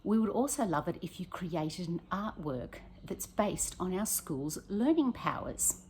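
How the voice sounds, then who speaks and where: A woman teacher reads a picture book to primary school children in an unhurried way, her voice lowish and slightly husky. She's expressive and poses questions to her listeners, with a little hiss or hum audible in the recording.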